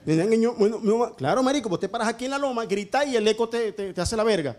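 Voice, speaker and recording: A man's voice: high voice, lively intonation, fast, darkish tone. A man doing a rowdy stand-up comedy routine, swearing and acting out characters.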